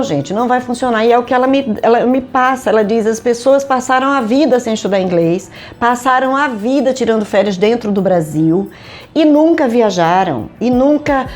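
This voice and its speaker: With a slightly high, slightly mellow voice, a Manaus-accented Brazilian woman of middle age talks to her audience straight into the camera from a home studio in Manaus. She is an HR consultant and career advisor, and her conversational, emphatic delivery is packed with rhetorical questions.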